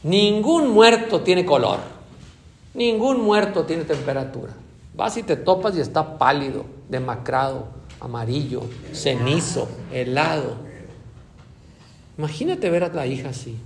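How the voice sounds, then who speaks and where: A man preaches a sermon with theatrical swings between hushed asides and loud, emphatic peaks. His voice sits a little high for a man. The room is echoey, with a faint hum of ambient noise behind him. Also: expressive, measured pace, creaky.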